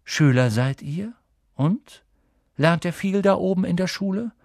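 A brooding, dreamy centaur, as a male reader puts him on, sighing and slow, with a lowered, somber voice. He gives solemn, evasive answers in an audiobook reading. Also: expressive, a little mellow, no room sound, studio quality, exaggerated voice. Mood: melancholy. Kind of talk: audiobook character voice.

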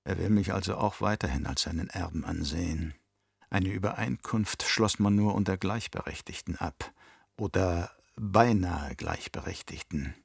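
A man voicing a resentful, ambitious young nobleman who speaks in a low, hushed inner voice in an audiobook. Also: normal speed, gravelly, slightly rough, no room sound, studio quality, full character voice. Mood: cold. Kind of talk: audiobook character voice.

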